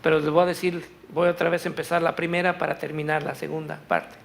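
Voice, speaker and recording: Gravelly-voiced man preaching a sermon. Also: fairly high pitch, flat delivery, fast talker. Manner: storytelling, swelling loud when reading scripture. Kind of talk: Spanish-language church sermon.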